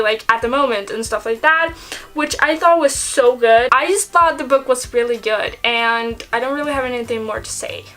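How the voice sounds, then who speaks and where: A woman's voice: fairly high pitch, sharp tone. A young woman chatting casually about books, reading reviews aloud and reacting in an informal, opinionated way, often hedging. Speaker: book reviewer.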